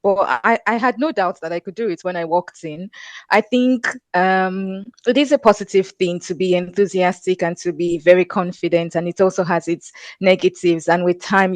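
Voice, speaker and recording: A woman speaking as a panelist in a webinar talk, confident and animated as she tells her story. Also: fairly low pitch, no echo. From Nigeria.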